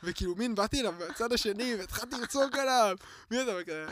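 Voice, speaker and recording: High-voiced man telling a rambling story. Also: animated. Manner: rambling, full of filler words, acts out shouted quotes. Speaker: guest telling personal stories. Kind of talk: casual storytelling chat.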